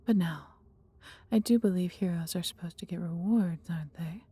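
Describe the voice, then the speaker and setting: A woman plays a fiercely protective, deeply affectionate female dragon in a fantasy audio roleplay, her voice low, heavily breathy and husky, with a dark, soft tone. At normal speed, she delivers formal storybook phrasing in a theatrical yet intimate way, sounding tender and proud.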